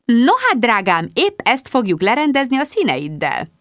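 A fussy, doting mother in her middle years, as a woman reader puts her on, gushing and bossy, her voice pitched higher and swinging widely. The sound is close and dry, with no room around it. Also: big pitch swings, fairly bright tone, no echo. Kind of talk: audiobook reading.

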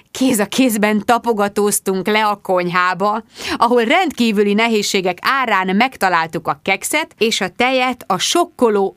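A woman narrating a comic audiobook in an animated storytelling manner. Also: mid-range voice, no echo, clean studio sound.

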